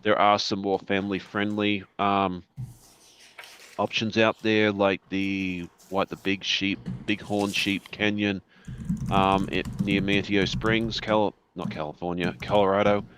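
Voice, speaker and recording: A man's voice: on the low side, little pitch movement, measured pace, fairly bright tone, slight background noise. A middle-aged man chatting as a guest on a livestream, rambling and self-deprecating in an easygoing way. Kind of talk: casual livestream chat.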